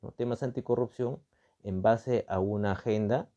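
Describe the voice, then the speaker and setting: Fairly low in pitch and warm in tone, this Peruvian man's voice stays fairly even in intonation at a normal speed, with a Peruvian accent. A political and constitutional commentator, he analyzes extemporaneously, repeating phrases emphatically and posing rhetorical questions with many tag words. The recording is muffled.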